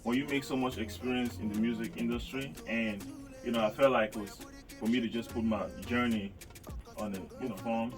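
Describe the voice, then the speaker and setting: A man from Cameroon, a rapper, chatting as a radio guest in a relaxed, rambling storytelling way. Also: medium pitch, fairly quick, far from the mic, over music. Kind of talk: casual interview chat.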